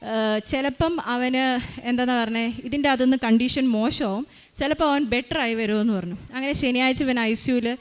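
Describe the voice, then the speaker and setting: A Malayali woman, a mother, giving a spoken personal testimony in a halting way, with many restarts and fillers. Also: high voice.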